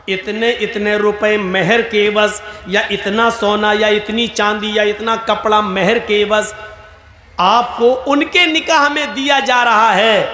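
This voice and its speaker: A man preaching a sermon at a religious gathering, animated and swinging between loud emphasis and soft asides. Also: sits high. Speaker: Islamic preacher. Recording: echoey hall, faint noise.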